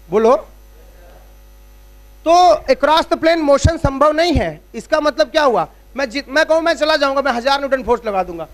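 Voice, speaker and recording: Guy with a really high voice teaching physics, walks thru it step by step, keeps asking "right?". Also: a bit bright. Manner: explains step by step, checking in with rhetorical questions; uses everyday analogies. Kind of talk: classroom lecture at a board.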